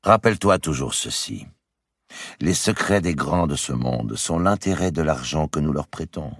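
A man voicing a shrewd, calculating old male banker in an audiobook, measured and wheedling. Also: very deep voice, expressive, fairly bright tone, husky, dry recording, clean studio sound, heavily acted. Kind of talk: audiobook character reading.

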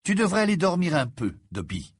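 An impatient teenage boy wizard, read by a male narrator, urgent and eager, with a lively, rising voice. The voice is slightly husky and close. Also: sits high, a little fast, dry recording, voice pushed up, heavily acted. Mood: firm. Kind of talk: audiobook character voice.

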